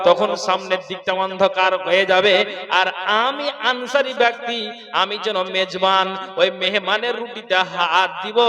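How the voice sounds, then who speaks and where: High, ringing male preacher in heavy echo. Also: sharp tone. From West Bengal, India. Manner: declamatory, chant-like drawn-out phrases, calling on listeners to respond. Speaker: Islamic preacher. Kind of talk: waz sermon, dramatic storytelling. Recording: echoey hall reverb, distant amplified voice.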